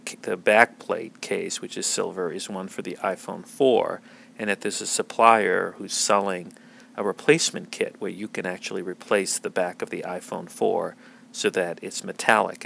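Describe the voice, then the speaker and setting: A man's voice: sits low, gravelly, sharp tone, a little hiss or hum. A man hosting a podcast, talking through tech news in a casual, rambling way with many fillers and restarts. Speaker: podcast host.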